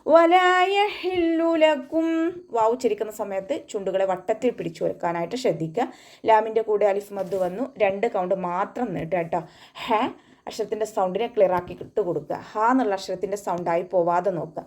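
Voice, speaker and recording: A woman's voice: medium pitch, warm tone. A woman giving an online tajweed lesson, patiently explaining each rule step by step. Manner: patient step-by-step instruction, slow melodic Arabic recitation between explanations. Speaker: Quran recitation teacher.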